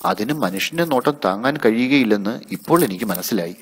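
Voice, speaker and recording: A man's voice: on the low side, animated, fairly quick, breathy edge. A man voicing a curious, earnest little boy in a children's story.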